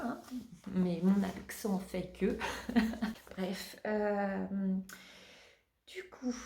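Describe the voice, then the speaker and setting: A woman's voice: mid-range voice, dark tone, slight background noise. A woman hosting a knitting podcast in casual chat, hesitant with many fillers and restarts. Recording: roomy echo.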